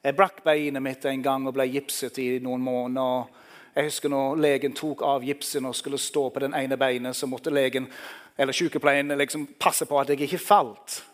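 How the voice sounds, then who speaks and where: A man's voice: mid-range voice, flat delivery. A man preaching a sermon, telling the story vividly and speaking directly to the listeners.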